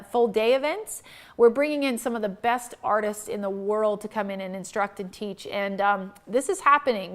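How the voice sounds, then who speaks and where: A woman in her forties hosting a photography stream, talking in a chatty, gushing way with many restarts. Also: fairly high pitch. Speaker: host. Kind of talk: live-streamed giveaway talk.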